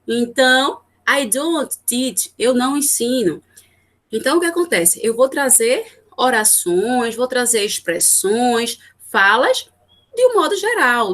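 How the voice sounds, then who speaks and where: A woman's voice: a little high, fairly bright tone. A Brazilian woman teaching English in a recorded class, explaining rules step by step and answering her own questions with little check-in tags. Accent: Brazilian Portuguese. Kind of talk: recorded online class lecture.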